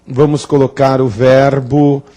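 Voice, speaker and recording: A man's voice: medium pitch, little pitch movement, slow pace, warm tone. A man teaching a grammar lesson at a classroom blackboard, playful, asking the class questions and drawing out words for emphasis. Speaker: Portuguese teacher.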